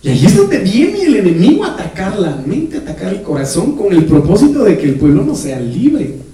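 A male pastor, preaching a sermon in a joking, animated way with laughter and sudden shouts, recorded in a church. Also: sits high, a little fast. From Guatemala. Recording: echoey church hall, mic at a distance.

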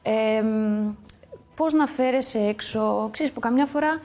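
A young woman in her twenties from Greece, a guest actress talking casually and candidly in an interview, quick to laugh at herself. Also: on the high side, darkish tone.

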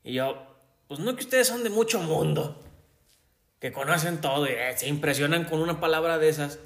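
A man with a Jalisco Mexican accent, his voice sitting a little high for a man. He spins animated anecdotes in a relaxed conversation. He slips into the voices of the people he is quoting and laughs along the way. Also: normal speed, gravelly. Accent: Mexican Spanish, Jalisco. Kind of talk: casual conversation, storytelling.

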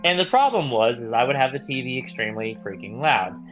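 A man's voice: medium pitch, big pitch swings, fairly quick, fairly bright tone, faint music behind. A young man co-hosting a podcast, chatting casually and telling rambling stories with the odd swear word. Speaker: podcast co-host. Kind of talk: casual chat.

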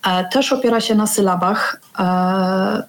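Measured woman explaining reading methods. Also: mid-range voice. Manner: measured, with frequent hesitation fillers. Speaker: guest, reading education specialist. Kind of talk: explanatory interview talk.

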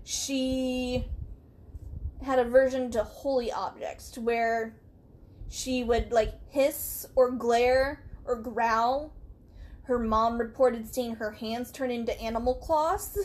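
A woman's voice: on the high side, steady tone, slow pace, darkish tone. A woman co-hosting a casual podcast, telling a true story in a chatty way, laughing and acting out quotes. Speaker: podcast co-host.

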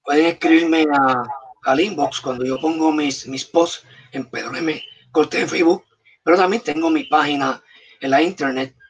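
A man's voice: on the high side, normal speed. A man with a Puerto Rican accent, a comics artist telling stories and giving emphatic, punchy advice in a casual interview. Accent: Puerto Rican Spanish. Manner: emphatic, gives punchy advice in short commands. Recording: distant, dull, muffled mic.

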